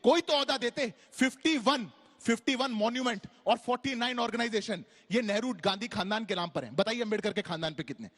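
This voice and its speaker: A man's voice: extremely high pitch, brisk, fairly bright tone. A man arguing as a party spokesperson in a heated televised debate, combative and rhetorical, talking over his opponents.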